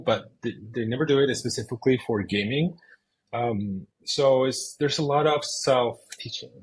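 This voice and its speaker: Man, thirties, from Chile, husky voice, hesitant interview guest. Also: medium pitch, poor audio. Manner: hesitant, many fillers and restarts. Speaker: interview guest, video game designer. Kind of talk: casual interview answers.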